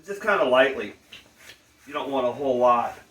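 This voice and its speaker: A man's voice: medium pitch, expressive, moderate pace, fairly bright tone. A man hosting a casual cooking demonstration, talking in laid-back stoner slang. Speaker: cooking show host. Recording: roomy, distant mic, faint noise.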